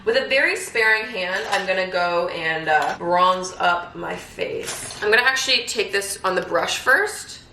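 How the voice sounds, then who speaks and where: This young beauty vlogger, in her twenties, speaks in a lowish, expressive, bright and pushed voice, a little slow yet with hardly any pauses. She walks through a makeup tutorial casually and cheerfully, packed with fillers, from a home room during quarantine that sounds echoey and faintly noisy.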